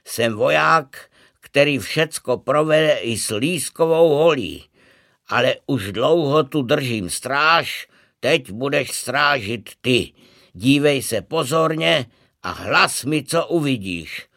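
A man voicing a gruff, bossy male soldier in a storybook reading, barking orders. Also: medium pitch, animated, a bit bright, no echo, studio quality.

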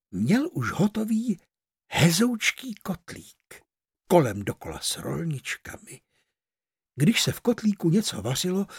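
An expressive narrator reading a fairy tale aloud, slowing on key words. The voice is husky and swings widely in pitch. It sounds close and dry, with no room around it. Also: dry recording. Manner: expressive storytelling, slows for emphasis.

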